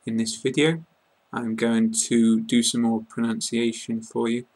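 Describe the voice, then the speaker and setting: A man with a British English accent giving a slow, careful pronunciation lesson, saying each word deliberately. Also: medium pitch, level tone, darkish tone, poor audio. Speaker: English teacher.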